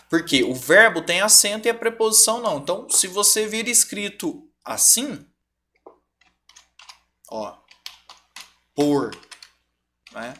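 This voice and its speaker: A man with a Brazilian Portuguese accent teaching a grammar lesson, repeating example words slowly and checking in often with his students. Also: high voice, sharp tone.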